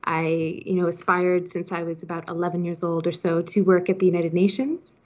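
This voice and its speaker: Brisk and steady, this woman's lowish, darkish voice comes through on dull audio. Swiss-born and Hong Kong-raised, the thirty-something startup founder answers podcast questions in a chatty way, with frequent "you know" asides.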